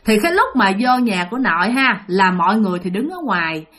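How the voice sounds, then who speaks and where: Phụ nữ giọng miền Nam kể chuyện ma. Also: female voice, mid-range voice, expressive, quick pace, a bit bright. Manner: chatty, addresses listeners directly, lots of fillers. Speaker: storyteller. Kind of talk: casual spoken ghost-story telling.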